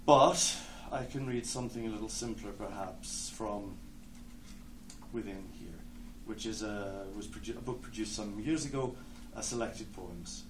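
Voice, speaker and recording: Irish man reading poems in an echoey hall. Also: fairly low pitch. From Ireland. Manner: hesitant, many ums between phrases, slow deliberate verse. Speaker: poet. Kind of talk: poetry reading with spoken introductions. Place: lecture hall with an audience. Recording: echoey hall, distant mic, background noise.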